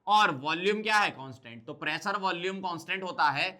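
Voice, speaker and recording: Bright-voiced male chemistry teacher lecturing. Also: high-pitched, a little fast. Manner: asks students questions and answers them himself; mixes Hindi with English technical terms. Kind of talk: blackboard lecture.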